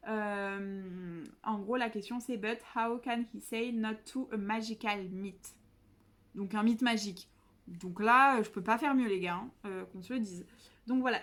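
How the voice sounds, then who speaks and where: A young woman chatting casually as a book vlogger, self-mocking and rambling, with many fillers and restarts. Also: mid-range voice. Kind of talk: casual chat.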